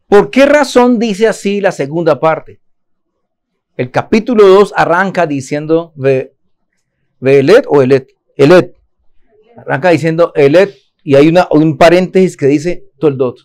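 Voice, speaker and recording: A man's voice: a little high, unhurried, a little mellow. A man teaching a Torah lesson, asking his listeners questions and answering them himself.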